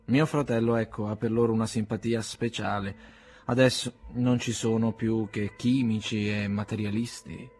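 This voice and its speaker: A man reading as a haughty aristocratic older gentleman. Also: on the low side, flat delivery, normal speed, faint music behind, close to an everyday voice. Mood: cold, haughty. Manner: icy, mannered courtesy.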